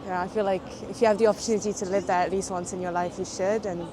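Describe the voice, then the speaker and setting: A woman's voice: medium pitch, steady tone, racing. A young woman from Portugal, French by first language, speaking English with a British-tinged accent in a casual street interview, chatty and hesitant with lots of fillers. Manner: chatty, hesitant with frequent fillers and small laughs. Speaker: interviewee, graduate student. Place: outdoors on a city street, traffic behind. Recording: outdoor street noise.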